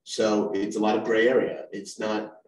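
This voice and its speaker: A man in his forties, a council member making a measured legal argument at a meeting. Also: lowish voice, flat delivery, darkish tone, distant mic. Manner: measured, argues legal points. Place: council chamber. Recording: roomy echo, mic set back.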